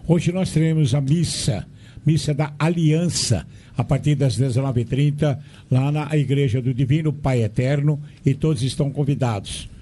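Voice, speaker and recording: A man reading local community announcements on the radio, listing dates and places in a measured way. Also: medium pitch, warm tone, breathy edge.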